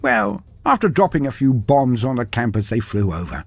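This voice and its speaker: This fantasy lore video narrator is a man whose mid-range voice swoops wildly in pitch and carries vocal fry. He speaks at a moderate pace in a theatrical, grandiose scripted manner, recorded dry with music underneath.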